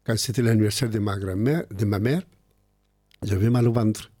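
An older man with a heavy non-native French accent talks earnestly in casual conversation, often repeating words as he searches for phrasing. His lowish, mellow voice moves at a moderate pace in studio-quality sound without echo.

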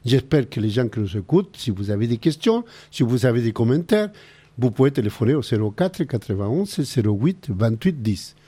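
A middle-aged man with a Chilean accent hosts a call-in radio show. His voice is mellow and dark, at an ordinary pitch. He gives practical self-help advice in an earnest way. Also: very animated, brisk, slightly rough. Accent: Chilean Spanish.

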